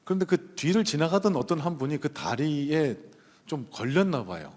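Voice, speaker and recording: A man's voice: fairly high pitch, expressive, normal speed, darkish tone. A male pastor telling a personal story in a sermon, conversational and full of hesitant fillers, speaking from the pulpit of a church sanctuary. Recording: long reverb of a church hall.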